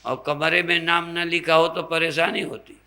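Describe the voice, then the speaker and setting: An older man, a swami, giving a slow spiritual sermon, teaching through rhetorical questions and everyday examples in a gravelly voice. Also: a little high, little pitch movement, sharp tone.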